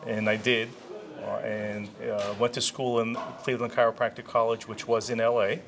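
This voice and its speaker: A man in his sixties, born in Israel and raised in New Jersey, answering interview questions in an unhurried way with many pauses and restarts. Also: lowish voice, little pitch movement, crowd noise. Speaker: interviewee, retired chiropractor.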